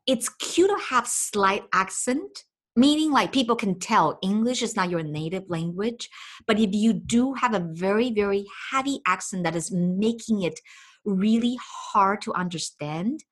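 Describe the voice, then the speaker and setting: A woman with a heavy Chinese accent, talking as a language coach and giving casual, chatty advice. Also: mid-range voice. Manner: animated, chatty, frequent fillers.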